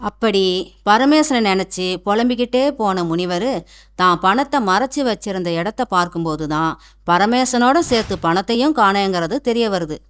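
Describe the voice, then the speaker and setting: A woman's voice: medium pitch, expressive, moderate pace, smooth. A woman narrating a cartoon folk tale in a storyteller's manner, with a Tamil accent.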